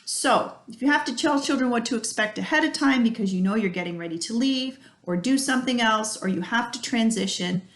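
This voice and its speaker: A woman's voice: on the high side, lively intonation, brisk, hardly any pauses. A middle-aged woman speaks as an early childhood educator, guiding parents through practical tips. Her delivery is friendly and down-to-earth, and she explains each idea with everyday examples. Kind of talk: instructional talk to parents.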